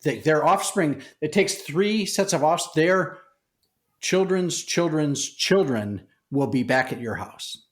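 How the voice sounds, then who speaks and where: Guy hosting a podcast, kinda high voice, asks lots of questions, repeats himself. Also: lively intonation, slow. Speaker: podcast host. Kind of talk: casual conversation.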